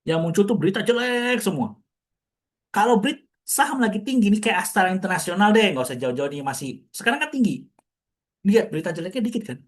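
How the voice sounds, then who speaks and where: Brisk, chatty market commentator man. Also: high voice, lively intonation. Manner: chatty, explaining with rhetorical questions. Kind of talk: casual market talk to an audience.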